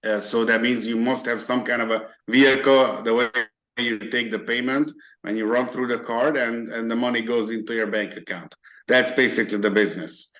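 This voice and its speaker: A man's voice: medium pitch, steady tone, moderate pace, a bit bright. A man, a guest in a casual interview, talking earnestly with many fillers and restarts. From Hungary. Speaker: interview guest, business owner. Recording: dull lo-fi sound.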